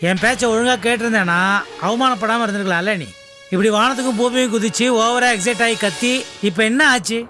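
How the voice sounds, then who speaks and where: A sneering schemer over drama music. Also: male voice, extremely high pitch, a little fast. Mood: mocking. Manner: taunting, sneering, theatrical. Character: scheming middle-aged man, mocking and sly. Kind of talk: television serial acting. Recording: television drama with background music.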